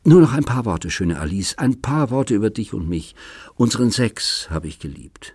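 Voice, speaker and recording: A man voices a lonely old suitor of nearly eighty, earnest and long-winded as he pleads his case in an audiobook. His voice sits low and husky. The sound is dry and close. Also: lively intonation, normal speed, a little mellow, no echo. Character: lonely, talkative man of seventy-seven, courting. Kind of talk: audiobook reading.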